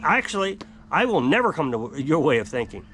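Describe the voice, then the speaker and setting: A man's voice: on the high side, very animated, brisk, fairly bright tone, slight background noise. Exasperated man in his fifties, ranting. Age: 50s. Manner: exasperated, emphatic, gesturing widely. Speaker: off-grid homestead vlogger. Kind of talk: frustrated rant to camera. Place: outdoor covered porch by woods.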